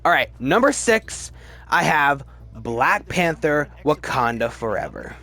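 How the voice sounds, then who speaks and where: This film-ranking video host has a sing-song voice that's a little high and sharp in tone, and he speaks slowly. His review commentary is casual and opinionated, delivered emphatically with frequent stammers and repeated words.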